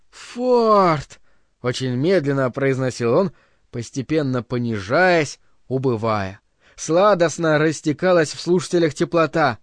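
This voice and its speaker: A man reading a novel aloud as an audiobook narrator, in a measured, expressive literary style. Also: high voice, dry recording. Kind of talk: scripted narration.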